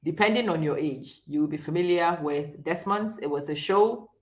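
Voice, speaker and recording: A woman's voice: low voice, moderate pace. A middle-aged woman from Ghana hosting a chatty live stream, talking directly to viewers and often laughing. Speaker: host.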